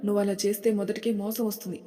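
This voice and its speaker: An easygoing, teasing young man in a storybook drama, voiced by a woman narrator. He talks in a loose, joking way at a middle pitch. The long reverb makes the room sound large. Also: flat delivery, rapid-fire, mellow, close to an everyday voice.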